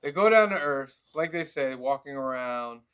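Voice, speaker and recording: A man with a bright, forceful tone walks through a story's plot in a casual review chat. His telling is relaxed, full of fillers and quick quoted lines. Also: mid-range voice, smooth. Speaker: podcast co-host.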